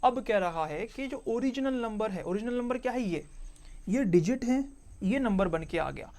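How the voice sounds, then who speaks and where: A man teaching a math lesson, explaining each step slowly and repeating key points, with English math terms mixed in. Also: high-pitched, animated, darkish tone. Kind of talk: board-work math lesson.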